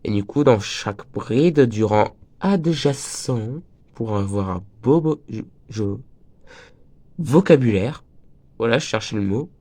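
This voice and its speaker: A jokey teenage boy teaches crochet in a casual, chatty tutorial, drifting off topic now and then, his voice breaking and slightly affected by a cold. He speaks slowly in an expressive, mid-range, somewhat mellow voice.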